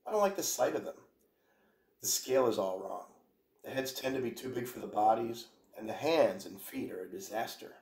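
A man's voice: fairly low pitch, animated, moderate pace, a little mellow. A man hosting a casual home video, reading quotations aloud one by one and adding wry asides. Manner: reads quotes aloud then adds wry asides. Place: home during quarantine. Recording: roomy echo.

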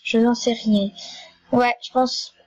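Excitable high-voiced woman playing a game. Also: slow, husky, highs cut off. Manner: chatty and excitable, stammers and repeats herself. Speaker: gaming YouTuber. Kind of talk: casual gameplay commentary.

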